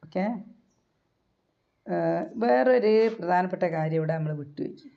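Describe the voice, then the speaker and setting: A woman teaching a Quran recitation lesson, patiently repeating words slowly and asking guiding questions. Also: lowish voice, expressive, creaky. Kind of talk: tajweed lesson. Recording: dull, lo-fi recording.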